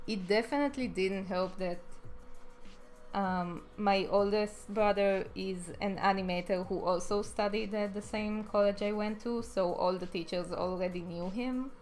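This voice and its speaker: A woman's voice: medium pitch, steady tone, unhurried, a little mellow. A young adult woman in a casual, chatty, self-deprecating voice-over, pronouncing her R's as W's. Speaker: animator narrating a speed draw video. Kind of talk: casual rambling voice-over commentary. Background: music behind the voice.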